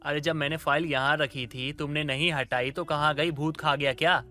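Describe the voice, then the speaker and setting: A man's voice: on the high side, steady tone, moderate pace, faint music behind. A man playing an impatient, irritated young husband. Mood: angry. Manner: irritated, shouting. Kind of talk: animated storybook voice acting.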